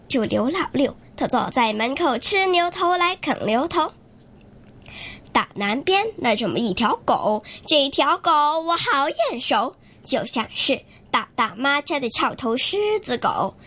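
A young woman student reciting a long tongue twister with steady rhythm. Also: sits high. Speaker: student performer.

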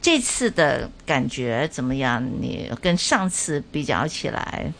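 Woman interviewer over clear background noise. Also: very deep voice, big pitch swings, unhurried. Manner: frequent sentence-final particles and short affirmations. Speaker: interview host. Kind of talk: conversational interviewing.

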